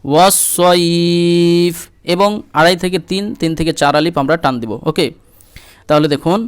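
Man, patient Quran tutor; high, smooth voice, dry close sound. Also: no room sound. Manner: slow syllable-by-syllable spelling, drawn-out melodic recitation. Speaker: Quran recitation teacher. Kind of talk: spelling-and-recitation lesson.

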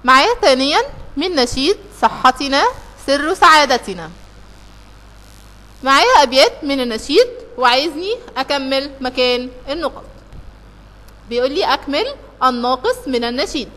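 A high, bright-voiced woman teaching with an Egyptian Arabic accent, guiding a review lesson for children one step at a time. She keeps putting questions to the class and then answering them, and she draws out verses when reciting. Her voice carries a long reverb, as if in a hard-walled room. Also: expressive. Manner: recites verses in a slow, drawn-out way.

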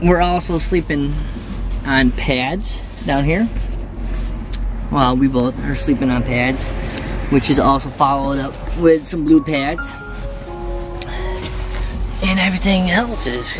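A man in his forties chatting casually into a handheld phone camera for his travel vlog, rambling with lots of uhs. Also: mid-range voice. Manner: easygoing, rambling with many uhs. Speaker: vlogger. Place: outdoors at rest stop and inside truck camper shell. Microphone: handheld phone camera at arm's length.

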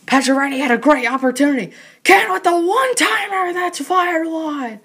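A commentator calling frantic mock hockey play-by-play in short clipped bursts, excitable and quick to raise the voice. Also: extremely high pitch.

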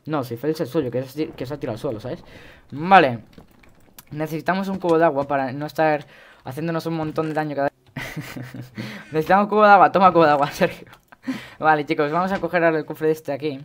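A teenage boy with a Spain Spanish accent, rambling chattily through gameplay commentary and breaking into sudden high yelps. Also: brisk, long pauses. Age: teens. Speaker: gaming YouTuber.

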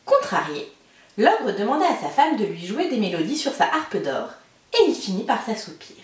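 Lively woman reading a storybook. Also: mid-range voice, moderate pace. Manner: lively, expressive narration. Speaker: teacher reading to children. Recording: roomy, mic far off.

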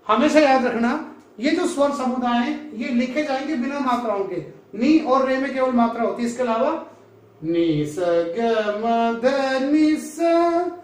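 A man from North India teaching a music lesson, explaining slowly and singing scale notes in between. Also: very high voice. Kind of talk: classroom lesson with sung notes. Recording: echoey room, mic far off.

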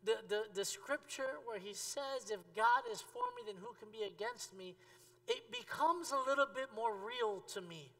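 A man in his thirties preaching a sermon on a church stage, talking straight to the congregation and swinging from emphatic peaks to quiet asides. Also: very high-pitched, sing-song, moderate pace, vocal fry. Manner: conversational, addresses the congregation directly. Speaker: pastor. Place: church stage with a seated audience. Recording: long reverb of a church hall.

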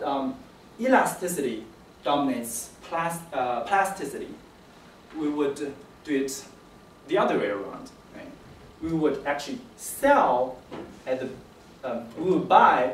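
A young man giving an academic presentation as a PhD candidate, with a halting, hesitant delivery and repeated words. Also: mid-range voice. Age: young adult. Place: indoor seminar room. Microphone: distant camera microphone. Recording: echoey room, distant mic, faint noise.

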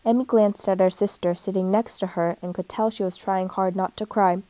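A woman reads a picture book aloud in a gentle storytelling way, lightly giving each character a voice of their own. Her pitch sits in the middle, and the recording is close and dry. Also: fairly even intonation, fairly quick, no room sound. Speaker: storybook reader.

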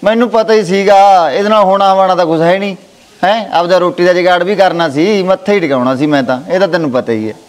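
A sly, fraudulent village holy man, played by a man in a homespun family drama, speaking with a Malwai Punjabi accent. His voice sits fairly high, and he smooths things over in a placating tone. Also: fast, close to an everyday voice. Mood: reassuring. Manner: soothing, placating, calls others child.

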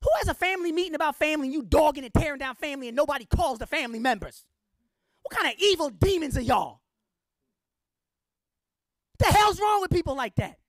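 A woman's voice: high-pitched, animated, fairly quick, pauses often, no room sound, clean studio sound. A middle-aged woman giving an impassioned public lecture, blunt and colloquial, firing off rhetorical questions in a preachy, fiery way.

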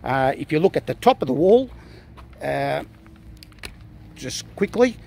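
A middle-aged Australian man giving a casual, halting walkthrough of an outdoor building site, filled with ums and uhs. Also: a little high, big pitch swings, vocal fry, a little mellow. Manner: plain-spoken, many ums and uhs, halting restarts. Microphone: handheld phone camera.

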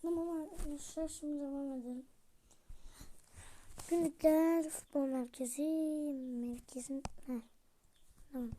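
A woman hosting a gaming channel, giving casual commentary over a football video game. She is excitable, yells at the plays and jokes with viewers. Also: sits high.

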